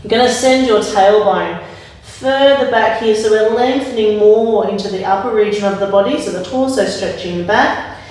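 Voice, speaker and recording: A yoga instructor guides a class with calm, gentle spoken cues in a mid-range voice at a moderate pace, turning slightly raspy when she strains. The room is very echoey and the mic sits at a distance.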